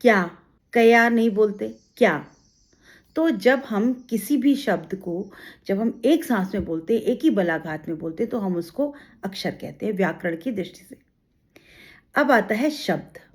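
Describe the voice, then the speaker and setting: A woman's voice: mid-range voice, expressive, normal speed. A woman teaching an exam-prep grammar lesson. She explains step by step, asking rhetorical questions and giving examples.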